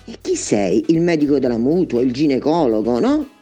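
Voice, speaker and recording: A woman's voice: extremely low pitch, big pitch swings, moderate pace, mellow, husky, faint music behind, heavily acted. A woman voicing a brash, sarcastic young woman in a comic reading. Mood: cheeky. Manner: cheeky, sarcastic. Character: brash, mouthy young woman who wants to be on TV.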